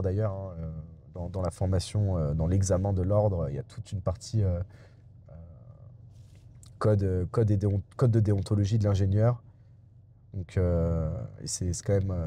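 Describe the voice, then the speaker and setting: A man's voice: on the low side, mellow. A young adult man vlogging from inside a car, rambling and digressive, with many hesitations and restarts. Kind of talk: rambling casual monologue.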